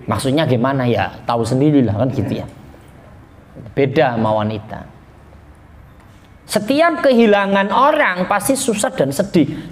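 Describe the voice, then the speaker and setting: A man preaching a religious lesson in a relaxed, conversational way humorous asides, mixed in. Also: medium pitch, a little hiss or hum. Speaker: Islamic preacher. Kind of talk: religious teaching.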